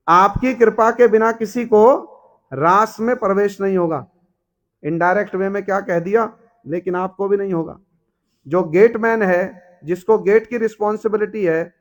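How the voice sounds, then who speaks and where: A man preaching a devotional storytelling sermon, often asking his listeners rhetorical questions and briefly voicing the characters. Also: sits high. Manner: asks the audience rhetorical questions, acts out characters.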